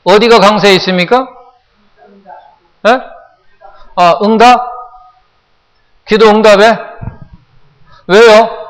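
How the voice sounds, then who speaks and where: A Korean pastor preaching a sermon, often putting questions to the congregation and repeating phrases for emphasis. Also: male voice, high voice, fairly even intonation, slow pace, pauses often, smooth, big-room sound, poor audio. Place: church sanctuary.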